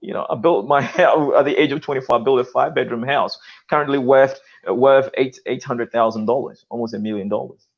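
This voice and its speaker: A medium-pitched, creaky-voiced man based in Australia hosts his own channel, discussing calls on a live stream. He speaks briskly and emphatically, like a lecture, often ending lines with "okay" and "you know," over lo-fi sound.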